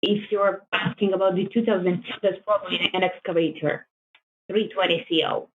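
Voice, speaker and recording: A woman's voice: lowish voice, fairly even intonation, normal speed. A woman sales agent answering a phone call politely and briefly. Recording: tinny phone line, faint hiss.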